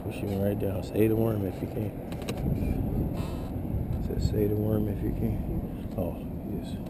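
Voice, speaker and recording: A middle-aged man coaching his wife as she fishes from a small boat, calmly repeating short instructions. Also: fairly low pitch, a little slow. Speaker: husband filming a fishing trip. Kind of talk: casual coaching while fishing. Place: small boat on a river outdoors. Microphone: head-mounted action camera. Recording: outdoor wind and water noise. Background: boat and water noise.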